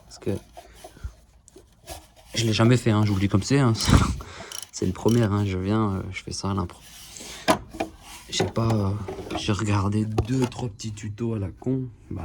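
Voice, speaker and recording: A man speaks low and easy into a phone while working on his car. He jokes, swears at every turn, and talks without pause. Faint noise and tool clicks sit under the voice. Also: gravelly. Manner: joking, swears a lot, talks nonstop. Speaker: DIY car repair vlogger. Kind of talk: casual chatty self-filmed video. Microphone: phone camera.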